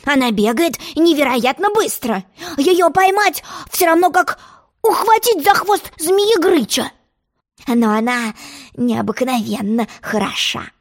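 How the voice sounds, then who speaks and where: A woman's voice: extremely high pitch, animated, pitched above the performer's own voice. A woman voicing an impatient, self-important old king in a storybook reading. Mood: haughty. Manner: slow, exclaiming, self-important. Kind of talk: storybook narration.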